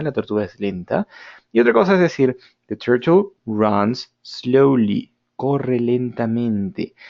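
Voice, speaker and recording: A male English teacher explaining grammar and pronunciation in a recorded lesson, switching between Spanish and English, slowing down to model words and often checking in with "ok?". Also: medium pitch, creaky, darkish tone. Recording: dull lo-fi recording.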